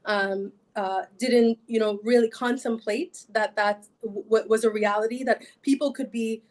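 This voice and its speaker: A woman lawyer answering interview questions in measured sentences, pausing often on fillers and restarting. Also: a little high, fairly even intonation, a little mellow. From Sudan.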